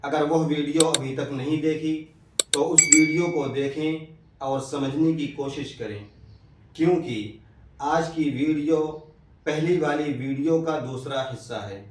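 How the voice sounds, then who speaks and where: Man teaching slowly in an echoey room. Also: a little high, distant mic. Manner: slow and deliberate, drawing out example words one by one. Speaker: English teacher. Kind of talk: step-by-step lesson. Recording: very echoey room, a little off-mic.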